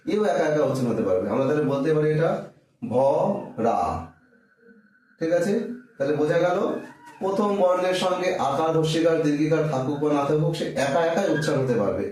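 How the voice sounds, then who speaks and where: A man with a slightly high voice gives a patient reading lesson for children. He sounds out syllables one at a time and answers his own questions. He is recorded some way from the mic in a very echoey room. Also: darkish tone, far from the mic. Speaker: teacher.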